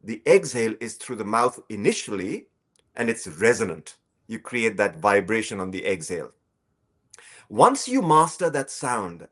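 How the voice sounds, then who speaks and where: A man with a fairly low voice leads a breathing lesson. He explains each step calmly and slowly, stretching out his phrases. He moves into soft, gentle guidance for the practice. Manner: calm, slow explanatory teaching with drawn-out phrases; soft guiding instructions during practice. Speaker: breathing instructor.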